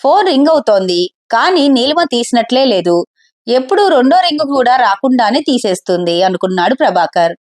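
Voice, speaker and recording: A woman's voice: a little high, very animated, moderate pace. A woman storyteller doing scripted narration of an audio story.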